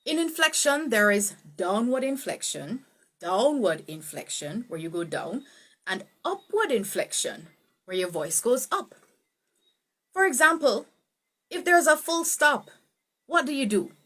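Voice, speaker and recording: A woman speech coach giving a live online lesson, her voice sitting a bit higher than most. She stretches words and swings her pitch up and down for emphasis, like she is demonstrating every point. It sounds like a webcam or video call. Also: unhurried. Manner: expressive, swoops pitch up and down for emphasis; greets viewers by name, laughs easily.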